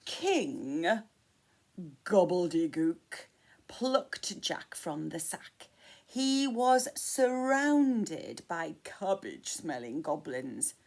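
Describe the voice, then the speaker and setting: A woman's voice: fairly low pitch, very animated, drawn-out words. A woman reading a children's story aloud in a dramatic way, dropping to whispers at tense moments.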